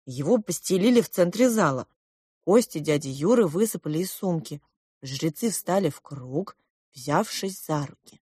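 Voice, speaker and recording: A woman narrating a children's audiobook with expressive storytelling. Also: lowish voice, moderate pace, slightly rough, no echo, clean studio sound. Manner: expressive storytelling, shifting into character voices. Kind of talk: scripted narration.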